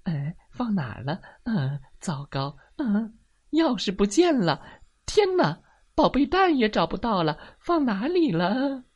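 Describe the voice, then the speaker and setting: A woman's voice: low voice, sing-song, a little slow, muffled recording, voice pushed up, full character voice. A woman voicing a forgetful, fussy mother hen who exclaims and frets in a storybook reading. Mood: flustered. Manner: flustered, exclaiming.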